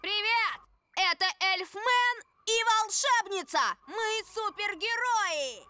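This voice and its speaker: A woman's voice: extremely high pitch, takes it slowly, pushed and bright, full character voice. A woman voicing an earnest, boastful little boy elf who proclaims eagerly in a children's cartoon.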